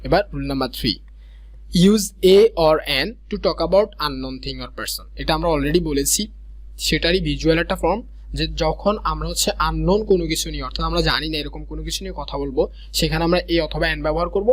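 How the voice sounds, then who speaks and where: A young man teaching a grammar lesson, explaining step by step and reading English examples slowly. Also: fairly high pitch. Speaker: grammar tutor.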